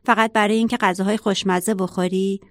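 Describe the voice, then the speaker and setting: A woman's voice: medium pitch, fairly even intonation, no room sound, studio quality, natural voice. A woman voicing a small, curious, outspoken mouse in a children's story, asking blunt questions. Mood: defiant.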